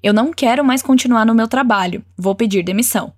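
Woman teaching spanish, says phrases slow and clear, cheers you on, dry close sound. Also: on the high side, darkish tone, no room sound. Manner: encouraging, models phrases slowly and clearly. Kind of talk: language lesson with repeat-after-me drills.

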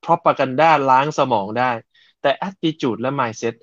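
A man's voice: mid-range voice, slow pace, fairly bright tone, no echo, dull audio. A middle-aged man, an agile coach, chatting in a podcast and explaining his ideas with stories, often repeating phrases for emphasis. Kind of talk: casual podcast chat.

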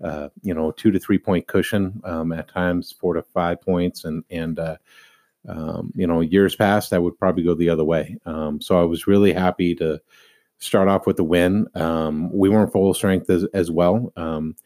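Middle aged dad on sports radio, real low voice, rambles with lots of ums. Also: male voice, steady tone, moderate pace, darkish tone. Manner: rambling, many fillers and restarts. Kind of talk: casual sports talk.

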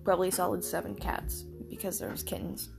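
Low, gravelly young woman rambling. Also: level tone, fast talker, loud music behind the voice. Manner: rambling, profane, filler-heavy. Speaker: podcast host. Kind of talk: casual storytelling chat.

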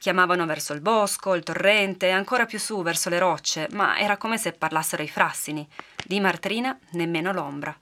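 A woman narrating a folk tale for a podcast in a lively, expressive storytelling manner. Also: fairly low pitch, normal speed.

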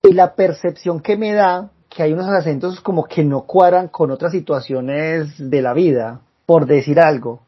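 A man's voice: fairly high pitch, normal speed, few pauses, slightly rough, highs cut off. A man co-hosting a podcast, chatting casually and laughing often. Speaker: podcast co-host. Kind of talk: casual chat.

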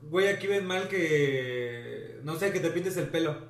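A laid-back man in his twenties from Veracruz joins as a guest, his voice slightly high. He agrees readily, and the room around him sounds echoey. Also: expressive, a little slow. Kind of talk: casual chat. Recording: roomy room echo.

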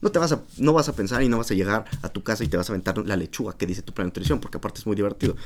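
A man with a Mexican Spanish accent speaks in a somewhat low voice, chatting casually as a podcast guest. He is a nutritionist, animated and jokey, who slips into playful voices to imitate his patients.

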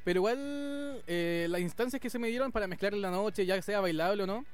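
A man's voice: sits high, a little fast, clear, resonant tone, faint music behind. A young man in his twenties from Chile with a Chilean Spanish accent, chatting casually in slangy banter as a guest DJ. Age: 20s. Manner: laid-back slangy banter, laughs often. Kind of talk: casual chat.

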